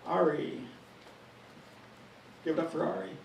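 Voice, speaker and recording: A man's voice: fairly high pitch, normal speed, vocal fry. A man hosting an open mic poetry night, handing the mic around and calling up readers. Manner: relaxed, introduces readers and reads a haiku. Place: small studio performance space. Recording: echoey room, mic far off, noisy.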